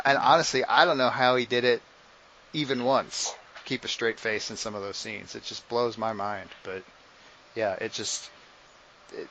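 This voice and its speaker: Bright-voiced man, rambling podcast chat. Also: mid-range voice, a little hiss or hum, poor audio. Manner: rambling, restarts often. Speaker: podcast co-host. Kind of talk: casual chat.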